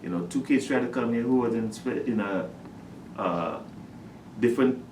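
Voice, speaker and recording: A middle-aged man from Trinidad, a high school principal, telling lively stories about his students in a casual interview. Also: moderate pace, a little hiss or hum. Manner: animated storyteller, acts out his talks with students. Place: school office. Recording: echoey room, distant mic.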